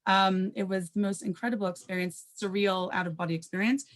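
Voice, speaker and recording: A woman with a medium-pitched, steady voice tells a personal story on a panel. She talks fast and conversationally, adding asides, correcting herself, and mixing in Hebrew terms.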